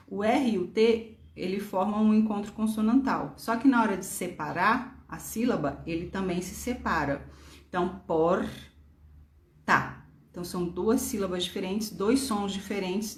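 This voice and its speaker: A woman's voice: mid-range voice, a little mellow. A woman teacher with a Brasília Portuguese accent, patiently explaining grammar and spelling words out letter by letter. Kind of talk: online grammar lesson. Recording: echoey room.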